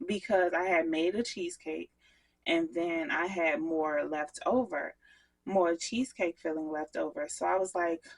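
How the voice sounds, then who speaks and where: A woman vlogger chats with her viewers while working with soap, unhurried and easygoing. Her voice sits a little low, with a husky grain and a gravelly edge. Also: low-quality recording. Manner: chatty, talks straight to viewers. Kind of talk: casual chat while crafting.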